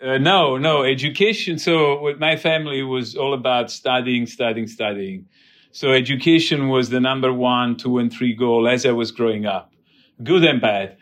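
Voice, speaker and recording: A man from near Naples with an Italian accent, a biotech CEO talking casually as an interview guest, pausing often with fillers. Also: medium pitch, fairly even intonation, fairly bright tone. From southern Italy, near Naples. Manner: thoughtful, many restarts and filler "uh".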